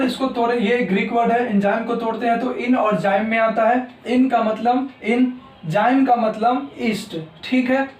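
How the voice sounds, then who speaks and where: A teacher gives an exam-prep lecture from some distance, his voice echoing around the room. His pitch is high for a man, and he addresses the students directly, repeating each key term as he writes it on the board.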